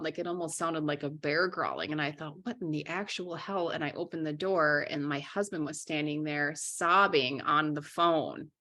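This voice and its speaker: A young woman from Minnesota speaks low in her range and candidly in a conversational interview. She restarts her sentences and fills pauses with "um" and "you know.". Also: pushed and bright. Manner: frank and candid, restarts sentences, many fillers. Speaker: interview guest, writer and journalist.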